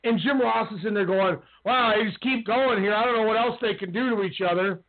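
Ranting casually and heatedly, a man co-hosting a wrestling podcast speaks in a high-pitched voice at a slightly fast pace. The sound is tinny, carried over a call-in radio phone line.

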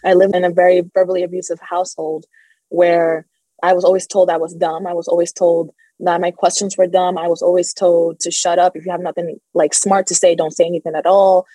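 A woman's voice: lowish voice, level tone, fairly quick, warm tone, dry recording, low-quality recording. A young adult woman telling her personal story as an interview guest, open and emotional, with a nervous laugh now and then.

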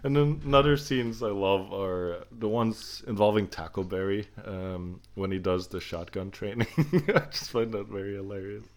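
A man's voice: on the low side, steady tone, normal speed, hardly any pauses. A man co-hosting a podcast, chatting casually about a film, agreeable, laughing often, with stammering restarts. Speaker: podcast co-host. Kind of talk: casual film review chat.

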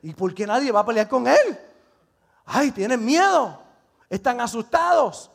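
A preacher playing a cocky young shepherd. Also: male voice, extremely high pitch, lively intonation, a little slow, creaky, breathy edge, full character voice. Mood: curious. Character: bold confident young shepherd boy.

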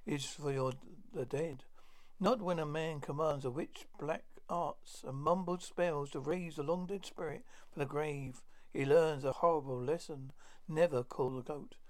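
A man giving a dramatic, halting reading of a horror story as storyteller, often stumbling and repeating words. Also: a little high.

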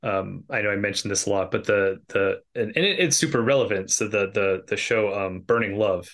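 A man's voice: on the low side, a bit bright. A man co-hosting a podcast, chatting casually about a TV show, often stalling with "um" and repeated words. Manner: halting, searches for words with "um" and repeats. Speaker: podcast co-host. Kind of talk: casual TV recap chat.

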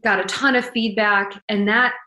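A woman's voice: mid-range voice, steady tone, normal speed, sharp tone. A woman being interviewed as a startup founder, speaking candidly and conversationally in jargon-heavy tech-founder talk. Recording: roomy, echoing sound.

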